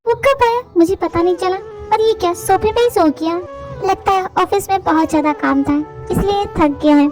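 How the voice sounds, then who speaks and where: A woman's voice: very high-pitched, normal speed, music in the background. A woman as a sweet, shy young wife. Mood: tender. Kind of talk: fan audio drama, voicing all roles.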